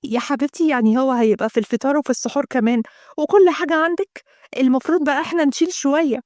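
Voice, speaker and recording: A woman voicing a nagging young housewife with an Egyptian accent, talking in shrill, scolding complaints. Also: rapid-fire, a little mellow, dry recording, clean studio sound, natural voice. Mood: polite. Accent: Egyptian Arabic.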